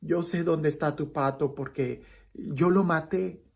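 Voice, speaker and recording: A woman's voice: low-pitched, unhurried, creaky, a little mellow. A woman voicing a frightened young boy who confesses and asks anxious questions in a told story.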